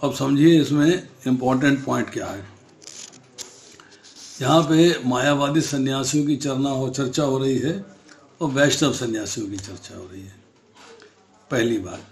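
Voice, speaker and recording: A man's voice: medium pitch, measured pace, long pauses, roomy sound. A man teaching a scripture class, explaining with simple examples, questioning his students and mixing English words into Hindi. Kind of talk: scripture lesson.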